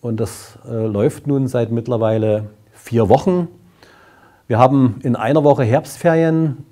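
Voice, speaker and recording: A man in his sixties, a school principal, speaking formally and at a measured pace to the camera in a classroom, on a lapel mic. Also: medium pitch, dark tone. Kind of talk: welcoming, explanatory address to camera.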